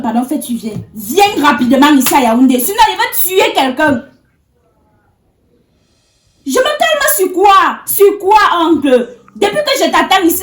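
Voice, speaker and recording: An actress playing a tired woman pleading with her uncle, insistent and exasperated. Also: high voice.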